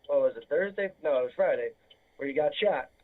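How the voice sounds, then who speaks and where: High-voiced man calling in over Bluetooth. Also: lively intonation, fairly quick. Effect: Bluetooth phone call from a car. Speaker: caller. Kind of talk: casual call-in chat. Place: in a moving car. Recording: tinny phone line.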